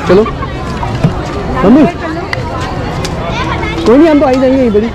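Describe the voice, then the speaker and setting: A man's voice: very high-pitched, a little slow. A man in his thirties making a casual travel vlog, explaining prices and plans step by step into a camera held at arm's length. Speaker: travel vlogger. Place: outdoor riverside steps and open boat. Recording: outdoor crowd noise. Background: loud crowd chatter.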